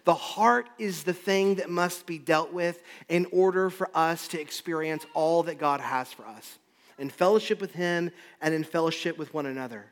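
A man's voice: a little high, moderate pace, in a large hall. A man preaching a sermon as pastor, with an emphatic, repetitive cadence.

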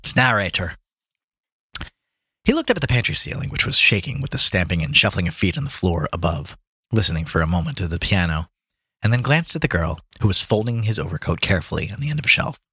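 Bright, lively man reading aloud. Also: low-pitched, quick pace, husky, dry recording, clean studio sound. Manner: reads aloud, stumbles and laughs at himself. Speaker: podcast host reading a story aloud. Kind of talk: casual reading with banter.

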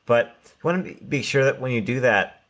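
A man's voice: medium pitch, lively intonation, fairly quick, a bit bright. A man co-hosting a podcast, talking casually with lots of "like" and "right?" fillers. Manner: conversational, many fillers like "like" and "right?". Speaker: podcast co-host.

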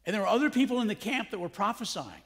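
A man's voice: high-pitched, lively intonation, fast talker, creaky, a bit bright. A middle-aged male pastor preaching a sermon in a conversational way, full of rhetorical questions. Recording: long hall reverb.

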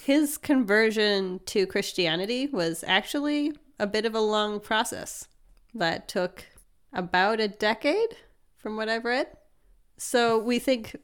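A woman's voice: medium pitch, moderate pace, smooth. Upbeat woman hosting a podcast. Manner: explanatory, upbeat, often laughs. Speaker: podcast host. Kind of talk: casual chat.

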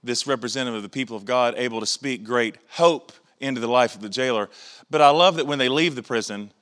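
A man delivers a sermon in a mid-range voice, earnest and reflective. He thinks aloud, restarting phrases, and now and then mimics the voices of others in quick asides. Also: medium pitch, fairly bright tone, smooth. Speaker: pastor.

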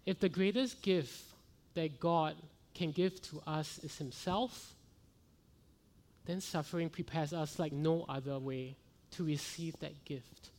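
Man, pastor, sermon, earnest, fervent rhetorical questions, fairly high voice. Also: slow, a little mellow.

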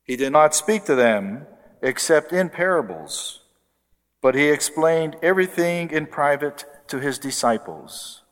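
A priest proclaims the Gospel in a somewhat high male voice, unhurried and deliberate. His words hang in the long echo of a vast cathedral-like church. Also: expressive, fairly bright tone. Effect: long cathedral-like church reverb. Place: large church. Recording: long church hall reverb.

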